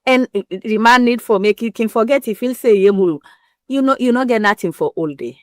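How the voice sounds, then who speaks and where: A woman's slightly high voice moves briskly as she talks about women's health in an interview, her accent West African Pidgin English. She is frank and emphatic, using everyday comparisons, and the studio sound is clean with no echo.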